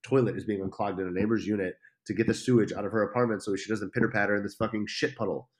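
A young man on a podcast tells a long story in a casual, low-pitched voice. He gets animated, swears freely and acts out what everyone said. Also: racing. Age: young adult. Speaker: podcast guest.

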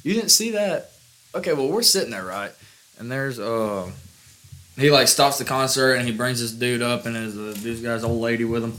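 A man's voice: mid-range voice, moderate pace. A man with a Southern US accent, co-hosting a casual podcast chat and telling stories animatedly with lots of fillers. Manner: animated storyteller, drawling with fillers. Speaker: podcast co-host.

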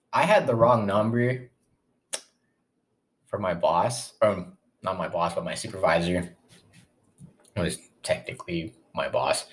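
A young man with a lowish voice rambles through a casual solo podcast. He swears easily and keeps drifting into asides. He is eating as he talks, so chewing sounds slip into his words. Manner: talks while chewing breakfast. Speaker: podcast host.

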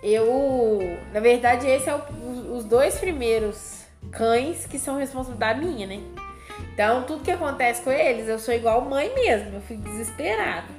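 A woman's voice: fairly high pitch, animated, moderate pace, a little mellow, roomy sound, soft background music. A woman, co-hosting a casual chat and telling a personal story with lots of drama.

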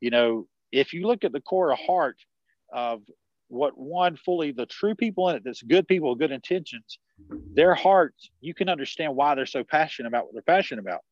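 This forties-aged man from rural South Carolina, a network marketer appearing as a podcast guest via video call, rambles in a casual interview, stopping and restarting with plenty of fillers. His voice is a little high and expressive, at a moderate pace. The recording is muffled, with no echo.

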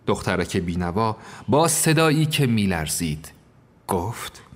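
A man narrating a first-person story in a measured, reflective manner. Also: on the low side, sing-song. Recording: long reverb.

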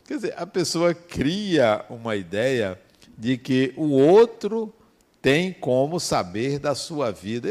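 A man in his fifties, a psychologist, giving a reflective talk and telling stories from his practice in an animated way. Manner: animated storyteller, swings between soft asides and sudden high emphasis. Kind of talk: reflective talk with personal anecdotes.

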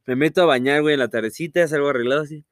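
A young Mexican man with a fairly high voice, telling stories on a podcast in a loose, slangy way. He breaks into lively impressions of his mother. The sound is dry and close to the microphone. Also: very fast, dry recording. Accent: Mexican Spanish. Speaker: podcast co-host. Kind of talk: casual chat.

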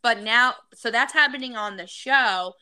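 A woman's voice: fairly high pitch, moderate pace, pushed and bright, clear, resonant tone, no room sound. A woman co-hosting a casual gossip podcast, recounting a story with lots of fillers. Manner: chatty, recounting with many fillers. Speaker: podcast co-host.

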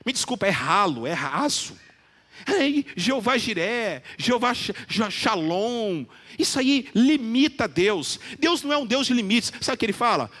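A male preacher with a very high, bright voice that carries through a church with long reverb. He builds up emphasis and slows right down on the scripture he quotes. His delivery is earnest and persuasive. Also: sing-song. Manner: preaches with rising emphasis, quoting scripture with slow deliberate phrasing. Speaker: pastor. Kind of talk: sermon.

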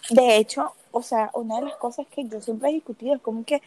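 A woman co-hosts a casual podcast in a fairly high voice. She talks in an excitable rush, teasing her partner and cutting in bossily to take the floor. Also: a little fast, poor audio. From Nicaragua. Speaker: podcast co-host. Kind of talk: casual chat.

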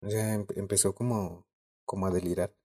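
A young man with a Mexican Spanish accent co-hosts a podcast, telling a story in slangy casual chat and laughing often. His deep voice is mellow and husky, with little pitch movement, at a normal speed.

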